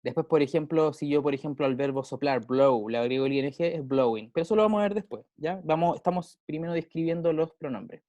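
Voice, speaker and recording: Speaking quickly with few pauses, a man with a Chilean Spanish accent teaches English grammar casually, using everyday examples and checking in with pupils frequently. His voice is a little high and dark in tone, captured in a dry, muffled recording.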